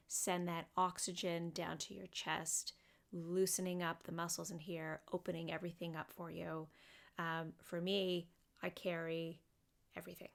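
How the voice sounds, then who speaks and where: A woman psychotherapist with a fairly low pitch and vocal fry guides a body scan meditation, gentle and unhurried, with frequent fillers.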